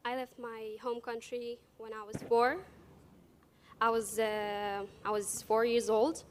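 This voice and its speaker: A woman's voice: on the high side, little pitch movement, slow, slight background noise. A woman in her early twenties from East Africa, giving a personal account as a student panelist. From East Africa, later Israel. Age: early 20s.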